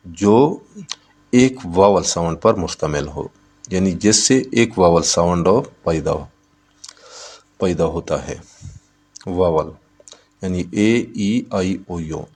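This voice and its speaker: Slow, deep-voiced male teacher. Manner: reads English lines slowly, then explains in Urdu; repeats words to drill syllables. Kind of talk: textbook lesson explanation.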